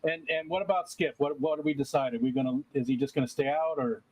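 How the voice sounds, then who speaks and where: A man's voice: a little high, steady tone, fast, darkish tone, low-quality recording. A man playing a tabletop game online, joking and rambling. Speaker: player. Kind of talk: casual game chat.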